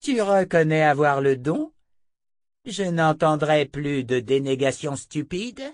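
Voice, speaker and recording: A man's voice: on the high side, takes it slowly, no room sound, studio quality, voice pushed up. A man reading an audiobook, voicing an old female seer who speaks coldly and imperiously. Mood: contemptuous. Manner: cold, cutting, imperious. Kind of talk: audiobook character voice.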